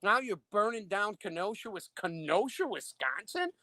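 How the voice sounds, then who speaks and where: A man with a notably high-pitched voice speaks with emphatic indignation, piling up rhetorical questions in a heated political discussion. The recording is dry and close, with no room sound. He talks like a host who is used to holding the floor. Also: animated, moderate pace, bright, forceful tone, no room sound. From Illinois. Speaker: show host.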